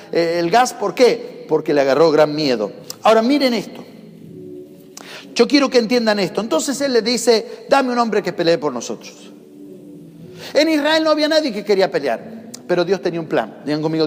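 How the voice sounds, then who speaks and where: A man's voice: high-pitched, very animated, brisk. A man with a Rioplatense Spanish accent preaching a sermon, emphatic and calling on the congregation to repeat his words. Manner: emphatic, calls the congregation to repeat after him. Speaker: pastor. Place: church in the United States. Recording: long reverb of a church hall.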